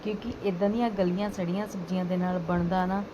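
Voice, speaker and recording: A woman's voice: on the low side, little pitch movement, fast. A woman with a Punjabi accent chatting casually to her viewers as a home vlogger, often asking them questions as she goes. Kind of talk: casual chat to viewers while doing housework. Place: at home, partly in a kitchen while cooking. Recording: noisy home recording with household ambience.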